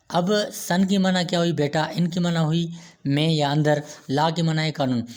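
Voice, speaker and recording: A man's voice: a little high, darkish tone. A man giving a grammar lecture, repeating himself and answering his own questions as he goes. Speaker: teacher.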